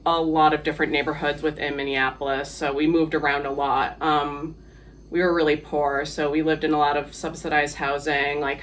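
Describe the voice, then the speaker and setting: A man's voice: fairly high pitch, pushed and bright, a little hiss or hum. A man from the Philippines, a guest on an interview podcast, talking casually and hesitantly with many fillers and easy laughs.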